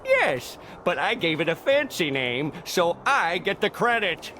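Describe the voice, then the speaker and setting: A man's voice: sits high, sing-song, measured pace, loud music behind the voice. A man playing a tiny, pompous, scheming plankton inventor in a cartoon game, with theatrical delivery.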